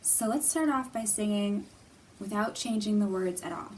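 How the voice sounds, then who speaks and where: A woman with a mid-range, darkish voice speaking at normal speed presents a children's storytime with songs in a public library room. She's playful and encouraging, keeping things simple for small children, and the distant mic picks up room noise.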